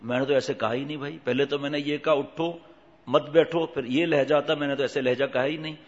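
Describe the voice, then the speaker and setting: A man's voice: mid-range voice, steady tone. A man delivering an Islamic sermon, chatting with his audience, asking them questions and acting out the people in his stories. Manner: conversational, asks the audience questions, acts out the voices in his stories. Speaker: Islamic preacher. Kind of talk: sermon with anecdotes. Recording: dull, long hall reverb.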